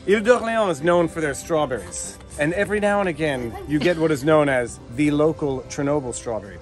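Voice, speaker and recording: A man's voice: a little high, lively intonation, brisk, music in the background. Bearded man vlogging outdoors, playful. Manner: playful, wry, chatty with his kids. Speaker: family vlogger. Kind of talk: casual family travel vlog. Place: outdoors at a campsite and roadside. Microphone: handheld camera at arm's length.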